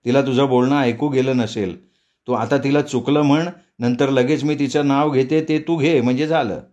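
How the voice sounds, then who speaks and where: A man's voice: mid-range voice, steady tone, moderate pace, darkish tone, dull audio, natural voice. A man voicing an impatient young village girl in a storybook reading, urging and exasperated. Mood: coaxing.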